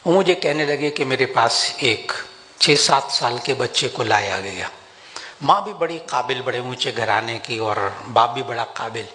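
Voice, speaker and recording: An older man giving a sermon to an audience, animated and emphatic, slowing down for prayers. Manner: animated, rises in pitch for emphasis, slows for Quranic prayers. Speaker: religious scholar giving a talk. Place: large hall with an audience. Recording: long hall reverb, faint background noise.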